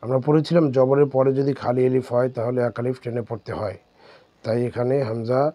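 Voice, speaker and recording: A man teaching Quran reading step by step, spelling out letters and drawing out syllables slowly. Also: medium pitch, little pitch movement, dark tone, dry recording. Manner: slow, drawn-out syllable drills. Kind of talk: step-by-step recitation lesson.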